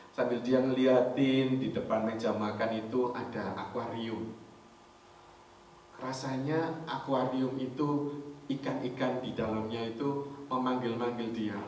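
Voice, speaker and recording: Animated pastor in an echoing hall. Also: male voice, mid-range voice. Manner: chatty and animated, mixing in English phrases, asks the congregation. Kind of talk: storytelling sermon. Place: church hall. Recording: very echoey hall, mic far off, faint noise.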